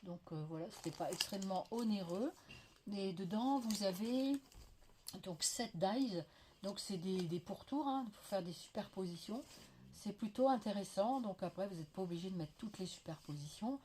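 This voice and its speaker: Chatting at normal speed, a French woman presents her crafting haul with lively intonation, gushing and using many fillers. Her medium-pitched voice has a darkish tone and a slight veil from a lingering cough. There's slight background noise, with dishes clattering faintly.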